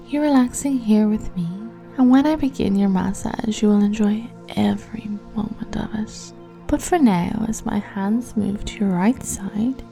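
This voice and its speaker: Soft, gravelly-edged whispering woman, dark tone. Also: on the high side. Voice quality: soft, slow, soothing, often whispered. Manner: second-person guided imagery. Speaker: hypnotist. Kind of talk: ASMR hypnosis roleplay, massage guidance. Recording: soft music behind the voice. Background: faint music.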